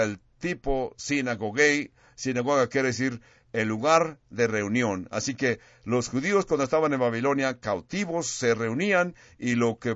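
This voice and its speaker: A man's voice: mid-range voice, a bit bright, no echo. A man preaching from the pulpit in a mid-range voice, pressing hard on key words and circling back to repeat phrases. He sometimes stumbles and restarts a word. The recording is dry and muffled, with a lo-fi dullness. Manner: emphatic, stresses words and repeats phrases for effect. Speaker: pastor. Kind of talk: sermon.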